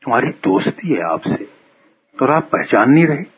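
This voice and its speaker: A man's voice: medium pitch, big pitch swings, breathy edge, voice pushed up. A man voicing a wounded devil who pleads, wheedling, posing as an old friend in a storybook tale. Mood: pleading. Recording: muffled phone-like radio sound.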